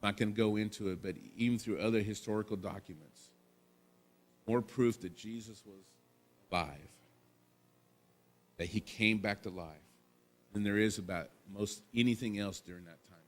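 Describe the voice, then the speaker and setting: A man's voice: on the low side, moderate pace, pauses often. Man preaching in a conversational way. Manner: conversational preaching with rhetorical questions and asides. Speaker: pastor. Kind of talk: sermon.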